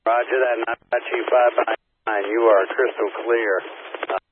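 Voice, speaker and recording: A man's voice: medium pitch, steady tone, moderate pace. A man making an amateur radio check-in from his car, heard over a two-way radio, using clipped radio procedure with call signs and "over". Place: driving in a car. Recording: tinny radio line with static.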